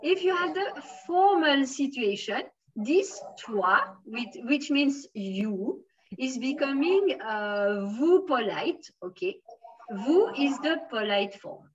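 A woman's voice: sits high, expressive, slow pace, slightly rough, muffled recording. A woman with a French accent teaching a beginners' French lesson, patiently modelling phrases and encouraging her students.

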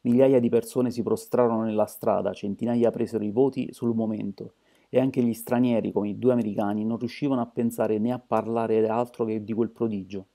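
Male narrator for an amateur audiobook, measured reading, dark gravelly tone. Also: on the low side, level tone.

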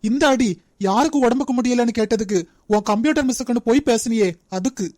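A woman's voice: a little high, fast talker, a little mellow, no room sound, studio quality, natural voice. A woman voicing a stern, protective young man in a cartoon, speaking firmly with a Nagercoil Tamil accent. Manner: firm, commanding. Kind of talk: cartoon voice acting.

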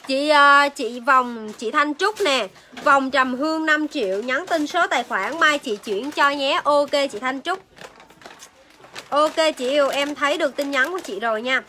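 High, bright young woman selling live. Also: unhurried, slight background noise. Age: young adult. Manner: repeats phrases while addressing viewers. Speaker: livestream seller. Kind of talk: casual live sales chat. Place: indoor beauty shop room. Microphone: phone at arm's length.

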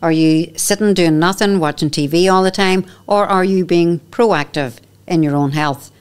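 Northern Irish woman, 50s, slightly low-pitched, earnest and emphatic interview guest. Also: moderate pace, clear, resonant tone. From Northern Ireland. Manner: earnest, emphatic, repeats key phrases. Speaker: podcast guest, menopause educator. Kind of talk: candid conversational interview. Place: studio set with armchairs. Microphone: boom microphone on stand.

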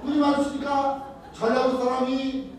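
High-voiced priest lecturing in an echoing hall. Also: male voice, completely flat delivery, moderate pace, far from the mic, a crowd in the background. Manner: asks the audience questions and answers them himself. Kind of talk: retreat lecture to a live audience. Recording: very echoey hall, recorded from afar.

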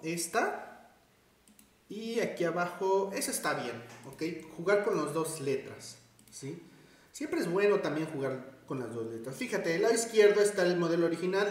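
A man giving a chatty design tutorial, thinking aloud and correcting himself as he works. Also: high voice. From Mexico. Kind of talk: screen-recorded tutorial. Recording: very echoey room.

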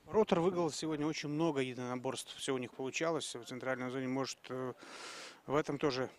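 A man in his thirties conducting post-match interviews outdoors into a handheld microphone, phrasing his questions a bit haltingly. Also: mid-range voice. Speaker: sports interviewer. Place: outdoors at a football stadium.

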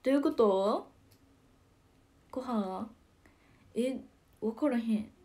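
A young woman with a Kansai accent, hosting a casual livestream. She chats about viewer comments in a giggly, soft-spoken way and often drops to a near whisper. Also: on the high side, takes it slowly. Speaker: idol livestream host.

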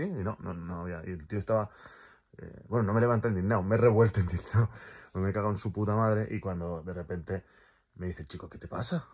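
A man's voice: sits low, a little mellow, breathy edge. A man rambling casually through a personal vlog, repeating words and swearing freely, in pain from a torn calf. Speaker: vlogger.

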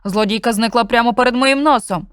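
A woman voicing a loyal, gruff street dog in a children's story, growling and determined. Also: fairly high pitch, brisk, a bit bright, no echo, studio quality, natural voice.

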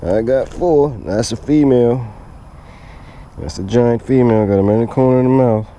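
A man filming himself fishing from a lakeshore with a head-mounted camera, talking excitedly to the fish as he reels them in. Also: mid-range voice, moderate pace, slight background noise. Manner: talks to the fish while reeling. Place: outdoors on a lakeshore. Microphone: head-mounted action camera.

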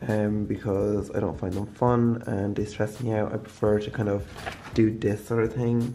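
Tired young guy, flat gravelly voice, says "like" a lot, chatting in his kitchen. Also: lowish voice. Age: young adult. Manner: rambling, heavy use of "like". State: tired from lack of sleep. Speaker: design student vlogger. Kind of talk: casual storytelling vlog. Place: home kitchen, indoors.

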